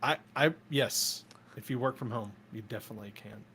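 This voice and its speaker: Guy cohosting, casual, walks through stuff step by step, keeps tagging on quick questions, mid voice, faint noise. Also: mid-range voice, gravelly, fairly bright tone. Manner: explains step by step, keeps asking "right?". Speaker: podcast co-host. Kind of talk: casual live chat.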